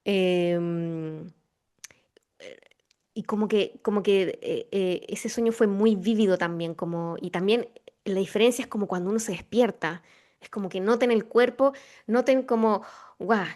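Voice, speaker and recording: A woman with a Chilean accent hosts a casual conversation about spiritual topics. Her voice sits at an everyday middle pitch. She speaks reflectively, circling back with fillers and self-corrections as she thinks aloud. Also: unhurried, a little mellow. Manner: reflective, many fillers and restarts. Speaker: podcast host.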